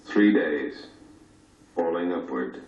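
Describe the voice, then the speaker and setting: Male narrator, very low and unhurried, solemn scripted documentary read with weighty pauses, dull roomy recording. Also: expressive. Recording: dull, echoey sound.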